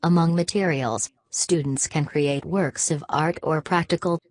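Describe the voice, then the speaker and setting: A calm, synthetic text-to-speech voice of a woman, reading evenly like a computer. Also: low voice, unhurried. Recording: played back from speakers, off-mic.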